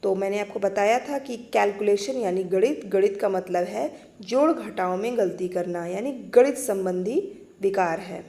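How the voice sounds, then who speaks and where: A woman teacher explaining exam-prep material in a clear, patient way, restating each point. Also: mid-range voice, measured pace, dark tone.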